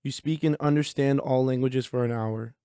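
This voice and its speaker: A man's voice: mid-range voice, steady tone, normal speed, mellow, clear, resonant tone, dry recording, clean studio sound. A man playing a tabletop game, playful and joking. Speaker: player. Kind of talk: casual game talk.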